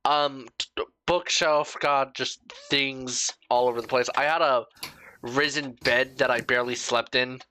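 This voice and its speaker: A man's voice: mid-range voice, steady tone, unhurried, bright, forceful tone, smooth. A young man doing casual reaction commentary as a YouTuber, swearing freely and laughing at himself.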